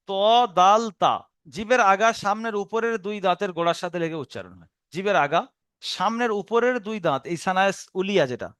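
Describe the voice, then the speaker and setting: A man teaching where Arabic letters are pronounced, patiently repeating and demonstrating each sound slowly, with a Bengali accent. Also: high-pitched, a bit bright, no echo, clean studio sound. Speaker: Quran recitation teacher. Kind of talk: explaining Arabic letter pronunciation.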